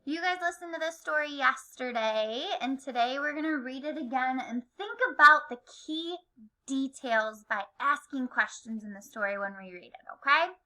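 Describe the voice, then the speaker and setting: A woman's voice: sits high, normal speed, sharp tone. A woman teaching an early-grade phonics lesson to children, stretching out sounds and encouraging them.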